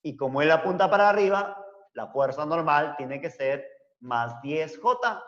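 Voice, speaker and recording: A man's voice: fairly high pitch, expressive, measured pace, fairly bright tone. A man teaching a physics class, explaining step by step and asking rhetorical tag questions. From Peru. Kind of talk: lecturing an online class. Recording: roomy, reverberant, dull lo-fi sound.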